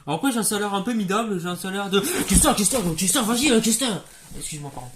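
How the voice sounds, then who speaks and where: A young man voicing a baker with Tourette's in an amateur comedy sketch, breaking off into sudden shouted tics and laughs. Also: high-pitched, expressive, very fast, noisy background. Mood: blurting.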